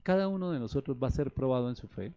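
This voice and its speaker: A man's voice: mid-range voice, expressive, fast, warm tone. A man preaching a sermon, emphatic and acting out the voices he quotes. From Colombia. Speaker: pastor. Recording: dull lo-fi radio broadcast.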